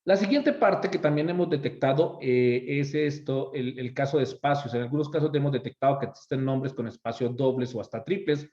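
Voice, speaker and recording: A man's voice: mid-range voice, a little fast, hardly any pauses, dark tone. A man with a Mexican accent teaching an online course, explaining conversationally and often checking in with "ok?". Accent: Mexican Spanish. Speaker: course instructor. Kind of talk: explanatory tutorial lecture. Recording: echoey room, slightly dull lo-fi sound.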